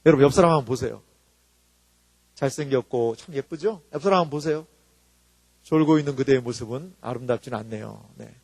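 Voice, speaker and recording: A man preaching a sermon to his congregation, animated, often putting questions to the people. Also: mid-range voice, brisk, creaky, long pauses, no echo, in a large hall. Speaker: pastor.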